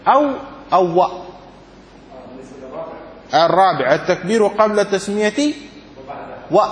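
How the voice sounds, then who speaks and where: A man teaching a classroom lesson as a sheikh, reading out a text, then explaining it, repeating phrases and asking if it is clear. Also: high voice, long reverb tail, a little hiss or hum. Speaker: sheikh teaching Islamic law.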